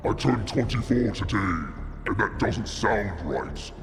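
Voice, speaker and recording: Demonic layered voice filter, gravelly low male tone, long echo, music behind. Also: lively intonation, unhurried. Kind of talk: text-to-speech donation message readout.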